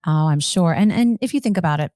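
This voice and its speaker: A woman's voice: fairly low pitch, lively intonation, fast talker, mellow, no room sound, studio quality. A woman hosting a podcast in a casual, upbeat, chatty way, enthusing about products. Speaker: podcast host. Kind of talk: casual chat.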